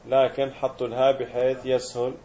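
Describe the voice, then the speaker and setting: A man's voice: mid-range voice, level tone, moderate pace, warm tone, muffled recording, a little hiss or hum. A man teaching a grammar lesson, explaining step by step and quizzing his students.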